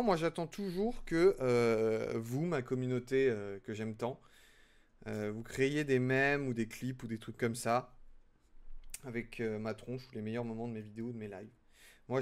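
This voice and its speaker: His voice is smooth, mid-range and steady, moving at a moderate pace as the young man works on his build. He keeps chatting with his live-stream audience and teasing himself along the way.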